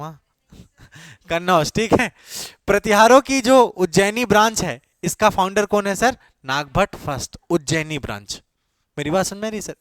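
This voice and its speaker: A man's voice: a little high, fairly bright tone, no echo, studio quality. A man giving an exam-prep coaching lecture in a classroom. He keeps quizzing his students with repeated questions, answers them himself, and mixes English phrases into his talk. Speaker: coaching teacher.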